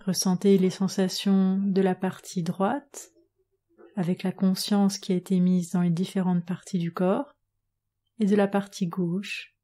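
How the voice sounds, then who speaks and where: This is guided relaxation meditation narration by a woman who teaches yoga nidra. Her mid-range voice stays calm and measured, with lengthy pauses throughout.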